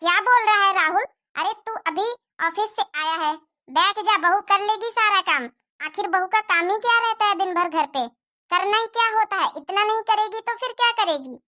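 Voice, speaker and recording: A woman's voice: very high voice, moderate pace, bright, forceful tone, no room sound, studio quality. A woman voicing a jealous middle-aged mother-in-law who scolds and complains at length in a cartoon moral story. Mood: scolding.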